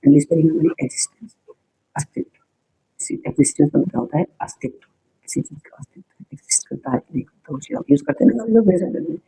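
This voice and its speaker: A man's voice: fairly high pitch, lively intonation, fast, creaky, mellow, slightly rough, rough recording. A man teaching an exam-prep spelling lesson, repeating each word, spelling it out letter by letter and explaining its meaning to viewers.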